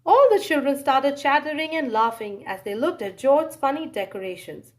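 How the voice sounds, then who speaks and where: A children's storybook is read aloud by a woman with a high voice; wide pitch swings, dramatic pauses and animated exclamations mark her delivery.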